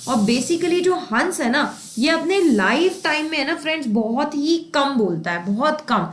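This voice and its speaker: A woman's voice: sits high, fairly bright tone. A woman teaching English idioms for exam preparation. She explains with memory tricks, asks questions and answers them herself, and keeps adding tag questions. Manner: often adds tag questions like "है ना". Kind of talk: exam-prep idiom lesson. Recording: echoey room.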